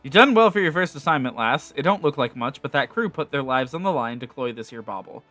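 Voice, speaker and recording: A man reading out a gruff, rough-spoken male sea rogue in a folksy slangy dialect. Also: mid-range voice, expressive, fairly quick, pushed and bright, faint music behind. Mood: stern.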